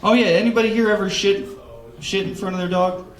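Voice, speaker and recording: A man with a fairly high voice does stand-up at an open mic, rambling and chatting with the crowd. His delivery is loose and full of asides. The sound rings around a roomy club. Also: fairly even intonation, fast talker, slight background noise. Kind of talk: stand-up comedy with crowd work. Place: comedy club stage.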